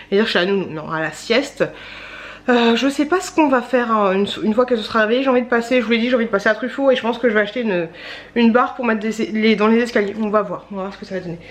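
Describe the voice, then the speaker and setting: A young woman, chatty and playful, vlogging casually at home with lots of fillers and asides to her viewers. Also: on the high side. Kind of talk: casual vlog chat. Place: at home, indoors and outdoors.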